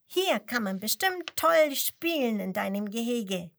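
A cheeky high-voiced penguin, as a woman puts him on. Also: sing-song, a little slow, gravelly, fairly bright tone, exaggerated voice. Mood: cheeky, cheerful. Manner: perky, laughing, bouncy. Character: cheeky cheerful small penguin, male.

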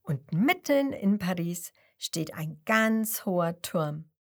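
A woman's voice: lowish voice, lively intonation, slow. A woman voicing a cheerful young male frog from France who chats proudly about his home. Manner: friendly, chatty, proud of home.

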